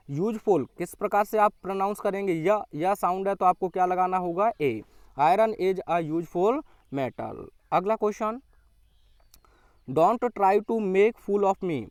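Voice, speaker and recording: A man teaching an English grammar lesson, quizzing his students and slowly dictating the sentences. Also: high voice, smooth, no echo.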